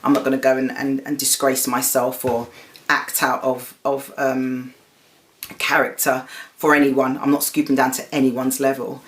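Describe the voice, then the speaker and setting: A woman hosting her own show, retelling a personal story in an animated, casual monologue and acting out what others said. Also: very deep voice, normal speed. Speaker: show host.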